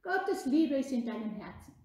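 A woman voicing a kind, patient old bishop in a children's story, coaxing and gentle. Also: high voice, very animated, normal speed, voice pushed up. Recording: echoey room.

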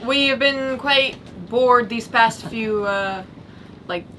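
A teenage girl chatting casually aboard a boat, relaxed and easygoing. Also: on the high side, slow, slight background noise.

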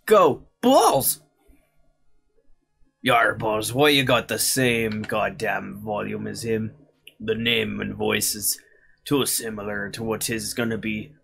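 A man's voice: lowish voice, flat delivery, measured pace, vocal fry, a bit bright, slightly rough, faint music behind. A man streaming a video game, dropping pirate-style yar and arr growls and swearing as he plays. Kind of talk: let's play commentary.

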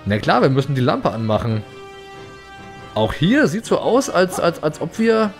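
Male gaming host, slightly high voice, chatty and playful, game music underneath. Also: big pitch swings, normal speed. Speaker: let's play host. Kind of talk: casual gameplay commentary.

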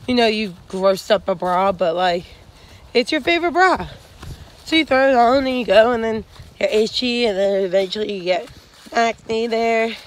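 Filming herself on a phone held at arm's length on a wooded trail, a young hiking vlogger gives candid advice in a medium-pitched voice. Her casual talk wanders and is packed with fillers, with slight noise in the background.

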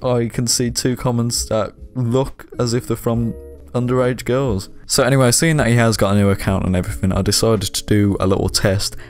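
A man's voice: medium pitch, steady tone, normal speed, a little mellow, soft background music. A man talking straight to camera in a casual commentary vlog, ranting bluntly and swearing often. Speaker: video creator.

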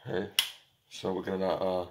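Low, flat-toned young man, noisy recording. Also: normal speed. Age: young adult. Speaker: challenge vlogger. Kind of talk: casual chat to viewers. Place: small home kitchen. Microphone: handheld camera. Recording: noisy handheld camera recording.

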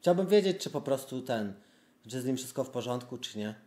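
A man's voice: medium pitch, lively intonation, fairly quick, dark tone. A man in his twenties, a streamer, chatting casually on a phone call from his room. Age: 20s. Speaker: live streamer making a call. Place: room at a desk, indoors. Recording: roomy indoor echo.

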